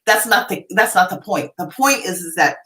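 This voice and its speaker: A woman's voice: fairly low pitch, lively intonation, moderate pace, sharp tone, poor audio. A woman in her fifties giving a live tarot reading, explaining the cards in a chatty, rambling way with everyday examples and frequent restarts. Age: 50s. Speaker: tarot reader.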